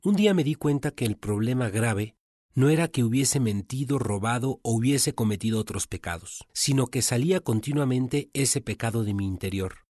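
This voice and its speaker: A man's voice: medium pitch, animated, moderate pace, a little mellow, dry recording, studio quality. A man preaching a sermon in an earnest storytelling manner.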